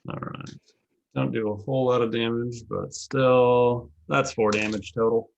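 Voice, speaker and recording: A man's voice: mid-range voice, fairly even intonation, measured pace, vocal fry, highs cut off, slight background noise. A man playing a tabletop game, describing his character's actions and thinking aloud. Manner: hesitant, thinks aloud with fillers. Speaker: player.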